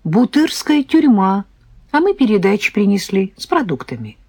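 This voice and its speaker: A woman's voice: mid-range voice, big pitch swings, moderate pace, breathy edge, dry recording, clean studio sound. Woman voicing a weary resigned older woman. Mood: quiet explaining. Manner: quiet, resigned and sighing. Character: weary middle-aged woman bringing prison parcels.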